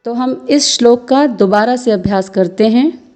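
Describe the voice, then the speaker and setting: A woman teaching Sanskrit verse recitation, patiently chanting each line slowly and then explaining pronunciation. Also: fairly high pitch, a little mellow, faint music behind. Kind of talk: slow instructional recitation.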